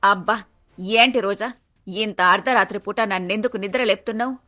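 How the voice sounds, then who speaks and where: Lady doing a lower, grumbly old mother-in-law for a cartoon, scolds and fusses in a slangy village way. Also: fairly even intonation, fairly quick, a bit bright, soft background music, close to an everyday voice. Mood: grumpy. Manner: exclaiming, scolding, colloquial. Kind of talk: cartoon story voice acting.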